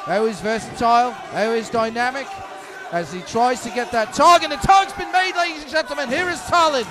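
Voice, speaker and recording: A man's voice: very high voice, fairly quick. A man doing lucha libre play-by-play commentary from ringside, with dramatic, formal showman phrasing. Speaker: play-by-play wrestling announcer. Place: broadcast table at a wrestling event. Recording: live event with loud crowd.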